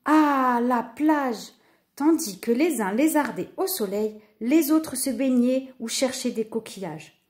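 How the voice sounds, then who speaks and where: A woman narrating a children's storybook with lively, expressive reading. Her voice sits a touch high for a woman. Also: a little slow.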